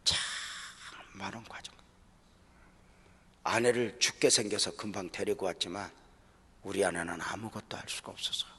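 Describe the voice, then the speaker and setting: A middle-aged man preaching to fellow pastors at a seminar, telling a personal story with strong feeling, sinking to a hush and then rising loud again. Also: low-pitched, brisk, a little hiss or hum. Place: church hall. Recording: long reverb of a large hall.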